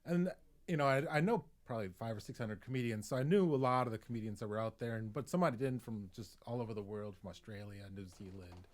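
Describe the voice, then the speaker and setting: A man's voice: medium pitch, fast. A man, a comedian, telling a story on a podcast, acting out the voices of people he quotes and chuckling as he goes. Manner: chuckles through his story.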